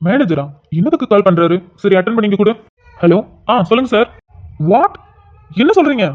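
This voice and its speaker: A woman voicing a calm young man who brushes off worry in a reassuring way. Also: medium pitch, normal speed, voice pushed down, close to an everyday voice. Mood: alarmed. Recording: tinny phone-like lo-fi sound.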